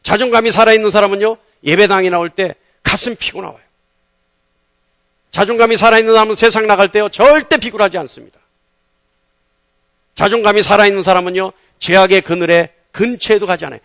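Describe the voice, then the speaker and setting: A male pastor preaching a sermon with emphasis, firing rhetorical questions and swinging between loud and soft. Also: high voice, no echo.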